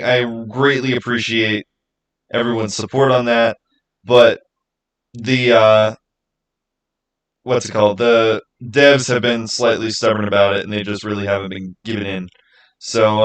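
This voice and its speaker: Running a giveaway on his livestream, a man chats informally and directly with his viewers. His voice is medium-pitched and he speaks a little slowly.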